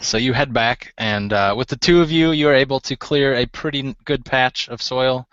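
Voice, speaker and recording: A man with a mid-range voice running a tabletop game, narrating scenes with frequent chuckles and halting fillers. The sound is dry and muffled, with no room around it. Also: medium pitch, a bit bright, no room sound. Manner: laughs often, hesitant with fillers. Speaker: game master.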